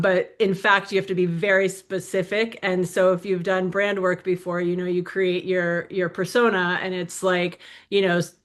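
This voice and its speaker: A woman speaking as a guest in a casual interview, chatty and full of little fillers. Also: on the low side.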